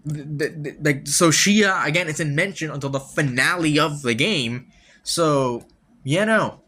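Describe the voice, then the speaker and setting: A man's voice: a little high, measured pace, pushed and bright. A man hosting a solo podcast, reviewing a game in casual talk, rambling with many restarts, casual swearing and wry laughs. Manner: laughs wryly between points. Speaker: podcast host.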